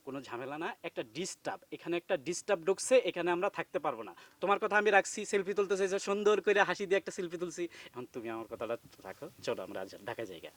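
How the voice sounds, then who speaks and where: A man's voice: fairly high pitch, lively intonation, fairly bright tone. An actor playing a husband who swings from sweet-talking to bullying his wife, in a comedic TV drama. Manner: blustering, quickly shifting from sweet-talk to bullying.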